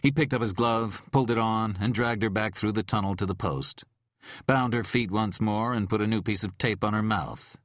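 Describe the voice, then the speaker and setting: A man narrating an audiobook thriller in a measured, dramatic storytelling manner. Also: on the low side, no echo, clean studio sound.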